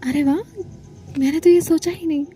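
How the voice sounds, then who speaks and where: Gently teasing woman teacher voiced by a woman storyteller; high and mellow. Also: steady tone, moderate pace, faint music behind, lightly acted. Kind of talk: storytelling dialogue.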